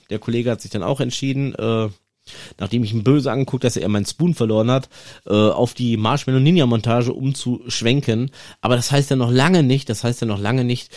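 Lively man telling a fishing story. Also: medium pitch. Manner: lively anecdotal retelling, acts out dialogue. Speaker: fishing podcast host. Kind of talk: casual storytelling to listeners.

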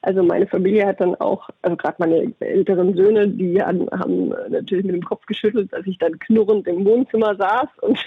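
Husky middle aged lady chatting in an interview, really breathy-rough voice, dry tinny phone sound. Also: medium pitch, fairly even intonation, a little fast, few pauses, no room sound. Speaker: interviewee, doctor and puppeteer. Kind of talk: conversational interview answers with anecdotes. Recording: thin phone-like radio sound.

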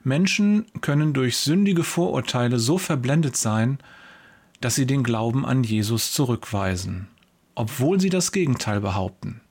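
A man giving a devotional Bible sermon in a measured, earnest way, posing rhetorical questions to his listeners. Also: medium pitch, lively intonation, a little mellow. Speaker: preacher.

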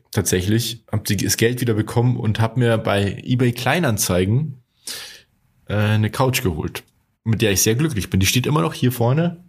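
A man from Germany co-hosting a casual podcast, rambling through personal anecdotes with frequent restarts. His voice is husky and sits on the low side. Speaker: podcast co-host. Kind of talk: casual chat.

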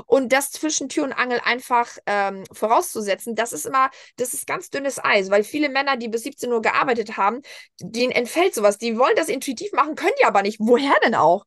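A woman in her thirties talks on a podcast at a rapid clip, her voice sitting a little high. She tells lively anecdotes and acts out the quoted dialogue in them. The sound is dry and close. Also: no echo. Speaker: podcast guest. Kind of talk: casual podcast conversation.

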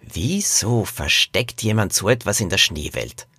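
A man's voice: lowish voice, animated, a little slow, pushed and bright, breathy edge, no room sound, full character voice. A man voicing a curious, brave young girl with a slightly raised, eager voice in a children's audio story. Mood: puzzled. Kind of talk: audiobook character voice.

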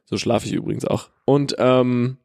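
A man with a Palatinate German accent telling an animated, slangy story in casual chat, full of fillers. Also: mid-range voice, normal speed, vocal fry.

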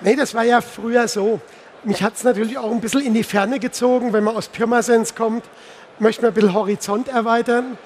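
At a trade fair's live stage, a sixty-something insurance executive from the German Palatinate talks informally as an interview guest. He speaks fairly quickly in a very high-pitched, steady tone, with faint event noise behind him.

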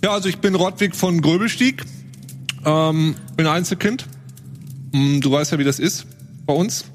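A man voicing a cheerful but cruel young nobleman who speaks haltingly. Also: a little high, lightly acted. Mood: boastful. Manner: halting, hesitant, many restarts.

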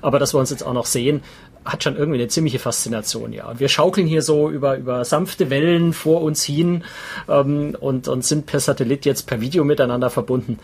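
A man with a husky, mid-range voice talks casually from a cabin on a moving ship. He is on a video call and speaks in an easygoing, slightly halting way. His voice sounds a little distant at times. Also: medium pitch. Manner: relaxed, thinking aloud with fillers. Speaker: podcast co-host. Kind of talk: casual conversation.

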